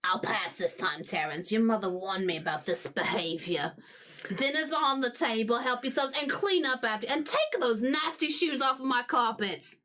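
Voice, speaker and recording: A woman voicing a sharp-tongued, middle-aged housewife who smokes, scolding and sarcastic. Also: on the high side, lively intonation, normal speed, voice pushed up. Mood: exasperated.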